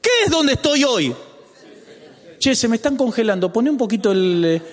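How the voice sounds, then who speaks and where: A man with a Rioplatense accent preaching a lively sermon as pastor, joking and calling out to his congregation. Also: very high voice, normal speed. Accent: Rioplatense Spanish. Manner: animated, calls out to the congregation, jokes. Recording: long hall reverb.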